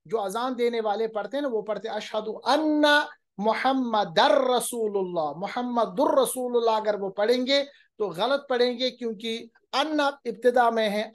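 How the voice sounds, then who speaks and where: A woman teaching a grammar lecture, explaining patiently and slowing down to recite example phrases carefully. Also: on the high side. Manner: patient explaining, often checks in with "okay".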